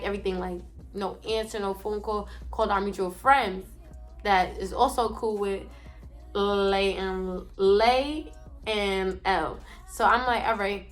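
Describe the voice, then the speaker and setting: A young woman vlogger telling a story in a casual, slangy way from her bed, acting out what she and others said. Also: mid-range voice. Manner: animated, slangy, acts out her own quotes.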